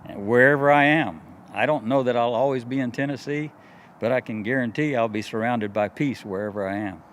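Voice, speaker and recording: Speaking fairly quickly in a mid-range, slightly bright voice, an interviewee in his sixties, both a pilot and an airport worker, shares his story in a folksy, earnest, casual way. The noisy outdoor recording, made in a grassy wooded clearing, carries a faint vehicle hum.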